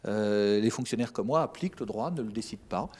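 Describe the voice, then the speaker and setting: A man speaking as a government official, giving measured, procedural explanations in a live panel debate. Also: lowish voice, animated, darkish tone. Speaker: state official from the prefecture. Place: broadcast studio set.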